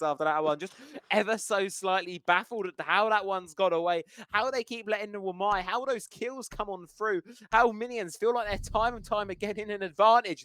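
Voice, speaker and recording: A man's voice: high-pitched, a bit bright, clean tone, no room sound. A man casting a competitive shooter match, calling the play-by-play with energy and exclaiming at big plays. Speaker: esports caster. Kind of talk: play-by-play commentary. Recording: noisy game stream with gunfire.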